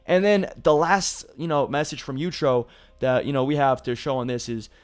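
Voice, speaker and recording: A man's voice: mid-range voice, steady tone, normal speed, clear, resonant tone. A man hosting a gaming commentary video, talking casually with lots of "you know" and "like". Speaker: gaming YouTuber.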